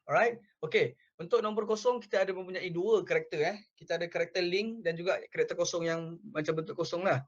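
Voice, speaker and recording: A young man teaching a relaxed language class, explaining phrase by phrase and repeating words slowly. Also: high-pitched, muffled recording. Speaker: Mandarin language tutor.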